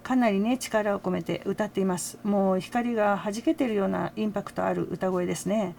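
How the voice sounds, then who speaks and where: A woman's voice: mid-range voice, fairly even intonation, fairly quick, gravelly, a little mellow, a little hiss or hum. An older woman hosting a fan channel, chatting casually with frequent little laughs and tag words. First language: Japanese. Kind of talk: casual commentary to camera.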